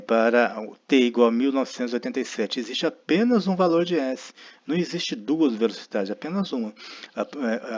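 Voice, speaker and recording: A man with a Brazilian Portuguese accent teaching a math lesson, explaining step by step and often checking in with his listeners. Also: medium pitch. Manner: explanatory, frequent tag questions, thinking aloud. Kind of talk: recorded lecture. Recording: dull lo-fi recording.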